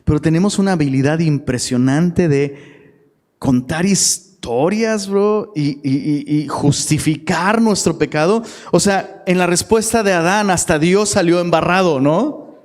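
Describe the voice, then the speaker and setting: A man's voice: a little high, a little slow, a little mellow. A man preaching a casual sermon to a live audience as a youth pastor, slangy and chatty, often asking the crowd questions. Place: church hall. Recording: long hall reverb.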